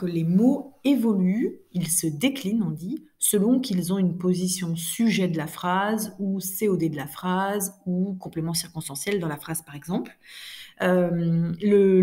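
A woman teacher records a lesson, correcting exercises for her pupils. Her voice sits a little low and sounds warm and mellow. She explains step by step, with frequent fillers and small restarts. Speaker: French teacher.

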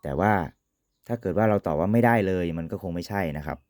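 A man's voice: low voice, quick pace, darkish tone, no echo. A man giving an informal, polite product demonstration as an equipment reviewer, often ending phrases with courtesy particles.

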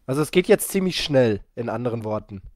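A man's voice: medium pitch, animated, fast, darkish tone, no echo, clean studio sound. A man in his thirties co-hosting a casual podcast, upbeat and joking. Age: 30s. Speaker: podcast co-host. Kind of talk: casual chat.

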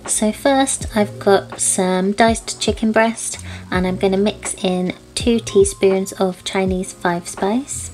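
A woman's voice: mid-range voice, slow pace. Young uk woman chatting thru cooking dinner, home kitchen, light music under it. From United Kingdom. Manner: chatty, relaxed, with frequent "um" and "so". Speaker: vlogger. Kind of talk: casual cook-along vlog.

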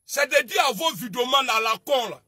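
A man with an Ivorian French accent ranting on a political livestream, scolding and shouting, then dropping to low mutters. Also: animated, fairly quick, husky, dry recording, studio quality. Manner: shouting, scolding, swings between loud outbursts and low muttering. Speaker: online video commentator. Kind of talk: heated political livestream rant.

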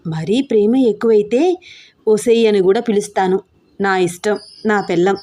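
A woman's voice: mid-range voice, moderate pace, warm tone, close to an everyday voice. A woman voicing a playful, teasing young husband in an audio story, with cheeky, bossy banter.

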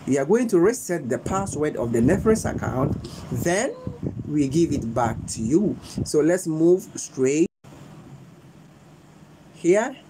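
A young Ghanaian man with a Ghanaian English accent, hosting a live phone tutorial indoors on his phone's front camera. He talks slowly and repeats himself, pleading with viewers to stay. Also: a little high, sing-song, dark tone, slight background noise, low-quality recording. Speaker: livestream host.

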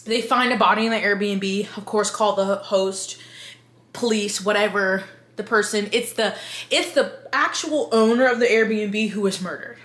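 Bright, drunk woman ranting. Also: mid-range voice, a little slow. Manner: animated, exasperated, sweary, emphatic. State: drunk, loose and rambling. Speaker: book reviewer. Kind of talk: casual rant review. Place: living room with bookshelves, indoors. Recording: roomy home echo.

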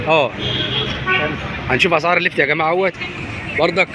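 A man's voice: fairly high pitch, quick pace, over loud music. A man with an Egyptian Arabic accent presenting a street-market price report, announcing prices repeatedly to his viewers. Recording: very noisy outdoor street with traffic.

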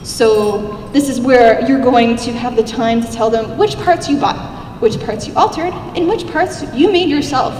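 Squeaky-voiced and young, this cosplay contest judge delivers a chatty, upbeat convention panel talk at a measured pace from a stage table, handheld mic in hand. The tone sounds darkish, with a little hiss or hum. A far camera captured it in the large, echoey hall.

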